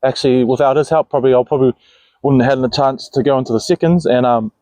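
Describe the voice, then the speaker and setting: A man's voice: medium pitch, steady tone, fast talker, dark tone, no echo, low-quality recording. A man with a broad New Zealand accent, chatting casually and telling stories in a laid-back, slangy way. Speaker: interview guest, rugby player. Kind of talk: casual chat, storytelling.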